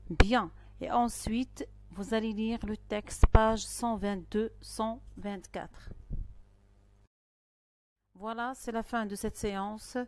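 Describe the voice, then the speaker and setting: Slow, careful woman teacher. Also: on the high side, steady tone, a little hiss or hum. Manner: slow, careful dictation-style delivery with pauses. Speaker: primary school teacher. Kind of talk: recorded online lesson.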